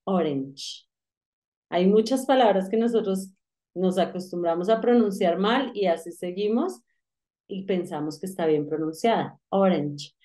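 A woman teaching English in a relaxed lesson, repeating words and explaining pronunciation. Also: on the low side, unhurried. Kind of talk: casual online English lesson.

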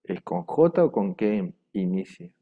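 A man teaching a language class, repeating words slowly and carefully and dictating them for students to write down. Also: low-pitched, very animated. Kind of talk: slow repetitive language class. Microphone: microphone. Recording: dull lo-fi room microphone.

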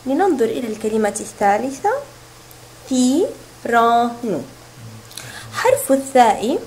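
A woman teaching a recorded reading lesson to young children, sounding out syllables slowly and clearly. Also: a little high, warm tone, slight background noise, low-quality recording. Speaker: kindergarten teacher.

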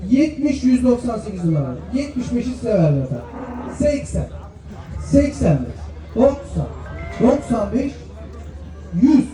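A man's voice: extremely high pitch, dark tone. A man working as a livestock auctioneer, calling out bids and lot numbers in a repetitive chant with formal address to bidders. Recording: echoey PA from far off, faint crowd.

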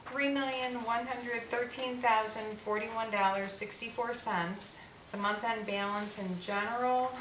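A woman reading out a treasurer's financial report at a meeting. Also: mid-range voice. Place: small indoor meeting room. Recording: echoey room, distant mic, noisy.

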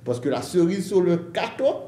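An actor playing an excitable middle-aged salesman in a comedy sketch, pitching emphatically and repeating himself. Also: normal speed, a little hiss or hum. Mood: eager, salesy. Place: indoor brick-walled room. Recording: roomy indoor sound, faint music.

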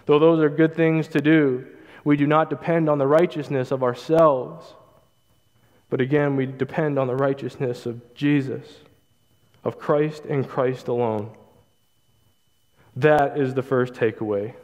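A young man preaching a sermon as pastor, in a measured, earnest delivery with emphatic repetition. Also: mid-range voice, fairly even intonation, a little mellow. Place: church stage, large hall. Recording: hall reverb, dull lo-fi sound.

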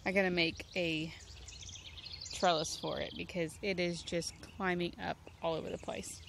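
Her voice is fairly low, steady, and creaky, delivered at a moderate pace, as this woman in her thirties casually shows off her backyard garden. The tour is rambling and full of ums while she thinks aloud. Recorded outdoors on a handheld phone, it carries background noise along with birds and nature sounds.

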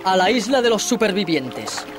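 A woman's voice: medium pitch, very animated, normal speed, lightly acted. Woman doing a pushy stage mother, melodramatic, sighing, music under her. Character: doting, self-pitying pushy mother.

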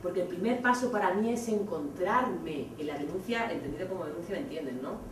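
A woman in her thirties with an accent from Spain, giving a blunt, animated theatrical monologue to students. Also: fairly low pitch, a little fast, background noise. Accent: Spain Spanish. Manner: animated, blunt, acts out scenes. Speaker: speaker addressing students. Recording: echoey hall from far off.

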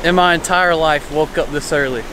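A man's voice: a little high, brisk. A teenage boy vlogging a family beach trip, joking and teasing the people he films. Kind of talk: casual vlog filming family. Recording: noisy handheld outdoor audio.

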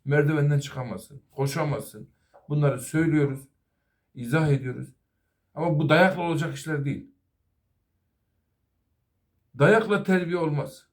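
A man's voice: a little high, normal speed, pauses often. A middle-aged man, a master auto mechanic, giving an earnest safety talk to fellow workers and apprentices. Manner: earnest, advising, repeatedly addressing "arkadaşlar".

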